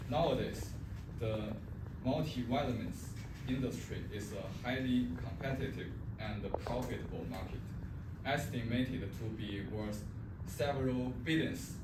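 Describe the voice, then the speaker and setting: Guy presenting slow with lots of uh's, far from the mic in a roomy space, loud hum behind. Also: fairly low pitch. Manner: halting, with frequent uh fillers. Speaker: host presenting a student project.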